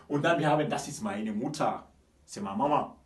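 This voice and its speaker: A man teaches a grammar lesson, pushing hard on each example word, then letting his voice fall away at the end of a phrase. He checks in again and again with a quick "ok?". He sounds set back from the mic, in a room with a strong echo. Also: medium pitch. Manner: repetitive, checks understanding with frequent "ok?"; stresses German example words, drops off at phrase ends. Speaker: German teacher. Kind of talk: classroom-style grammar lesson. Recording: roomy echo, mic at a distance.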